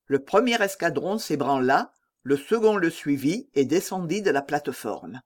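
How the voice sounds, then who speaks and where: A man narrating an audiobook in a steady, dramatic storytelling manner. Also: on the high side, moderate pace. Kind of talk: scripted narration.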